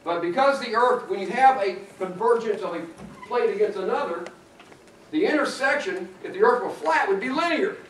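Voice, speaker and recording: A man giving a lively, playful university geology lecture to students in a lecture room. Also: high-pitched, normal speed, slight background noise. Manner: animated, playful, talks to students. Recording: echoey room from far off.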